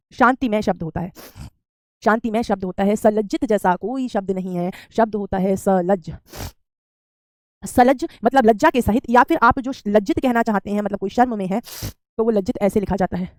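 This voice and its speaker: A woman's voice: medium pitch, fairly quick, dry recording, studio quality. A woman teaching a live online grammar lesson, drilling students with questions and repeating each answer back to them.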